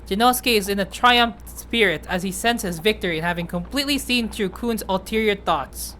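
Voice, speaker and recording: A woman narrating a visual novel aloud as the host, with a steady, matter-of-fact reading. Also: medium pitch, moderate pace, a little hiss or hum. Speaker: game narrator.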